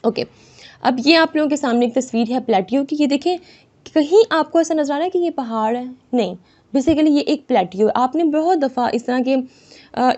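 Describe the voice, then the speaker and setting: A woman teaching an exam-prep lesson over a screen recording, reading English lines slowly and explaining them with constant "theek hai" checks. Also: high-pitched, mellow. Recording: dull lo-fi voice-over.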